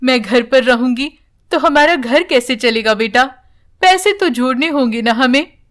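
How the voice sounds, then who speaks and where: Devoted storybook mother, tender and protective, high voice, unhurried; a woman plays her. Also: fairly bright tone. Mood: reassuring. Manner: tender, reassuring. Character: poor devoted mother, worried but protective.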